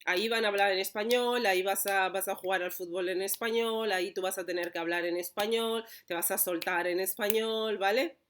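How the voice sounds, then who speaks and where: A woman's voice: medium pitch, steady tone, a little fast, hardly any pauses, fairly bright tone, slight background noise. A woman with a Spain Spanish accent, giving casual advice as a channel host, talking loosely with many restarts and frequent checks for agreement. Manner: chatty, many restarts, keeps asking "¿vale?".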